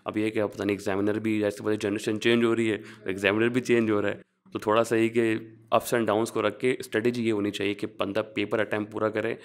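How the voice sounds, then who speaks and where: Gravelly low-voiced young man explaining. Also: a little fast. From Pakistan. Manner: relaxed, explanatory, repeats and rephrases. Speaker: guest, qualified chartered accountant. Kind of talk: casual interview, mixing English phrases.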